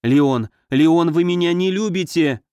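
A man's voice: fairly high pitch, measured pace, warm tone, clean tone, no room sound, clean studio sound, voice pushed up, close to an everyday voice. A man voicing a frightened young woman who vows earnestly and anxiously in an audiobook.

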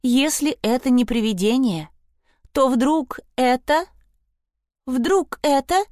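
A woman's voice: high-pitched, lively intonation, slow pace, a little mellow, no echo, studio quality, pitched above the performer's own voice. A woman doing a timid, fearful girl. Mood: anxious. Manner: fearful, pleading. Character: timid, anxious young girl.

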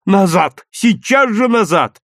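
An excitable young boy shouts in eager bursts, high and leaping in pitch, as a male storyteller puts him on. The reading is close and dry, like a children's audiobook. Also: normal speed, no room sound. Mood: excited.

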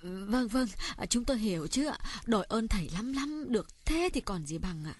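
A woman voicing a distraught village mother in an audiobook, crying as she talks and quick to scold. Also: on the high side, animated, slightly rough, no room sound. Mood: humble, grateful. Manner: pleading, then tearful and scolding. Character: distraught village mother, emotional and sharp-tongued. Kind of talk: audiobook character voice.

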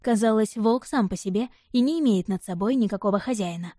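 A woman narrates a first-person audiobook, even and measured. Her voice is mellow and warm-toned, recorded dry and close. Her pitch sits in a middle range. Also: no echo.

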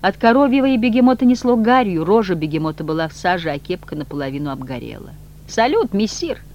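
A reader narrating an audiobook with expressive literary delivery. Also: mid-range voice, fast, highs cut off, slight background noise.

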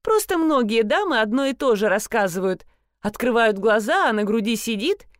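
A woman's voice: fairly high pitch, sing-song, normal speed, no room sound, studio quality. A woman reading an audiobook, voicing a cheerful young salon worker who reassures a client.

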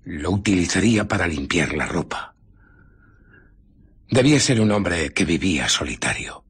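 A man with a Castilian Spanish accent playing an arrogant, amoral scientist who justifies himself in a radio drama, in a theatrical, deliberate storytelling manner. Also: sits low, expressive, a bit bright, slightly rough, full character voice. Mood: brooding, recounting. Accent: Spain.

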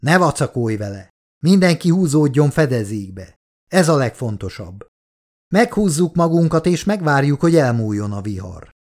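A male audiobook reader voicing a gruff expedition boss who barks curt orders. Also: medium pitch, sing-song, lightly acted. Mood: urgent. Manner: shouting, curt commands. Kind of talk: audiobook character voice.

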